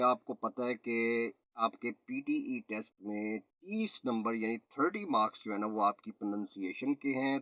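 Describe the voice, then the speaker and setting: A man, a trainer explaining pronunciation in a slow, step-by-step lesson. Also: medium pitch, dry recording. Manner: slow, explanatory, mixes in English phrases and tongue twisters. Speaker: IELTS and PTE trainer. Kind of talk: spoken teaching lesson. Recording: slightly dull, lo-fi audio.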